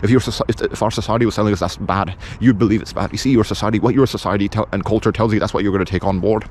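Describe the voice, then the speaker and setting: A man's voice: on the low side, steady tone, very fast, a little mellow, slight background noise. A man from England with a British accent giving an unscripted opinion monologue in an insistent, blunt, repetitive manner. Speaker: video presenter.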